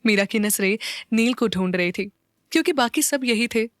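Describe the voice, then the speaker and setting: A woman narrating a serialized romantic audio story in an even storytelling voice. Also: fairly high pitch, normal speed, no echo, studio quality.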